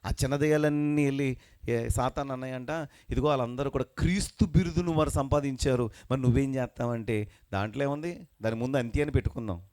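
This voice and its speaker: A male pastor preaching a sermon with emphasis, calling on the congregation to answer back and reading scripture slowly. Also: medium pitch, a little mellow. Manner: emphatic preaching with call-and-response; slows and lifts voice when reading scripture. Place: religious meeting.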